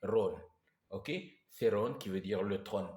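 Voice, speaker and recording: A man teaching a slow language lesson, patiently repeating each word and checking in with his listeners. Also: medium pitch, animated, a little mellow, reverberant, a little hiss or hum.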